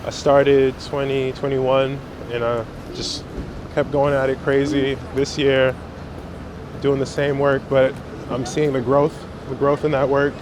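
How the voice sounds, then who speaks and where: This man's voice is medium in pitch, fairly flat and unhurried as he answers interview questions about being a street photographer. He's in his 20s, from Brooklyn, New York, and sounds casual, reflective and slangy. It was recorded outdoors on a noisy city street with traffic and vehicles around.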